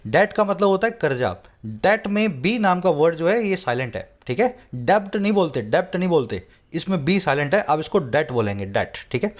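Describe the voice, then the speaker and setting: A man's voice: fairly high pitch, sing-song, a little fast. A man with an Indian English accent teaching English from a newspaper editorial, explaining each word and checking that his students follow. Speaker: English tutor. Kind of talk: editorial reading lesson.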